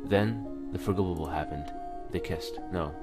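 Over background music, a deep-voiced man speaking at normal speed reads game text aloud in his let's play. He reacts casually and frequently stumbles, then fixes his mistakes.

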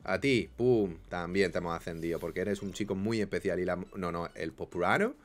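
A young man commenting casually on a game, swinging between mock despair and loud excitement. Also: low voice, fairly quick. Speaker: gaming YouTuber.

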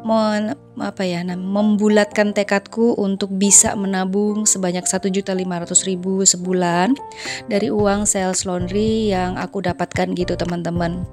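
A woman's voice: mid-range voice, a little mellow. A woman narrating a home vlog in a casual voice-over, chatting to viewers as friends with frequent fillers. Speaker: vlogger.

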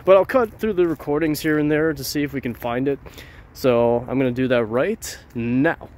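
A man's voice: mid-range voice, normal speed, darkish tone. A man talking casually to his viewers as a vlog host, rambling and repeating phrases, recorded outdoors on a handheld camera. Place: outdoors at night on trails and roads.

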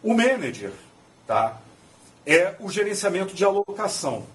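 A man's voice: high voice, big pitch swings, normal speed, a bit bright. A man with a Brazilian Portuguese accent giving a technical conference talk, hesitant and full of fillers and restarts. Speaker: conference presenter. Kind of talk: technical presentation. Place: auditorium. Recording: distant mic in auditorium.

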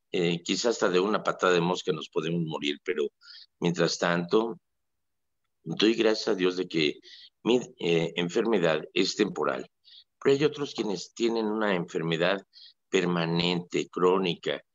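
A man's voice: low voice, no room sound, dull audio. A man, a priest hosting a radio show, who tells stories in a folksy way with many fillers and speaks while ill and in pain. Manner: anecdotal, folksy, pauses with fillers. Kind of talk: casual spoken reflection on a radio show.

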